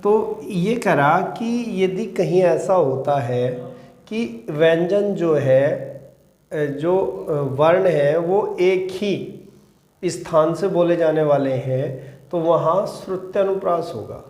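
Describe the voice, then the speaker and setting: A man teaching Hindi grammar to a class, explaining slowly and repeating key words as he asks questions. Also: a little high, darkish tone, echoey room. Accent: Western Uttar Pradesh Hindi. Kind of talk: classroom lecture.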